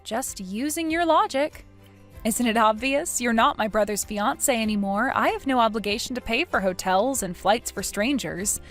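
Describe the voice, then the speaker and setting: A woman voicing a cool, cutting young woman who mocks in a dry, measured way, in a read-aloud text story. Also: on the high side, soft background music, close to an everyday voice. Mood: sarcastic.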